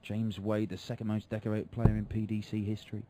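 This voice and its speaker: A man's voice: fairly low pitch, monotone, fairly quick, very noisy. A man giving live darts commentary in a colloquial way, reacting to each throw. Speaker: sports commentator.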